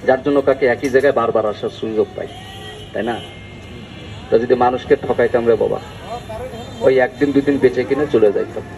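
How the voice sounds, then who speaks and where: Casting: older man, folksy street vendor pitching remedies, mid-range voice, clear traffic noise outdoors. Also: fairly even intonation, brisk, long pauses, darkish tone, poor audio. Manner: folksy, repeatedly addresses listeners as uncle and brother. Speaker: street vendor of herbal pain oil.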